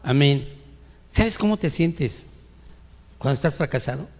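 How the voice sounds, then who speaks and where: A man's voice: fairly high pitch, expressive, measured pace, darkish tone. A male pastor preaching a sermon, firing rhetorical questions at the congregation and acting out whiny complaints to God. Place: church. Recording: reverberant church hall.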